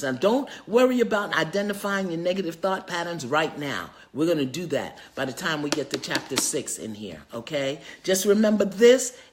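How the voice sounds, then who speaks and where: An older woman, an author and spiritual teacher, talking casually on a live video, lively and chatty as she greets viewers by name. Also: on the low side.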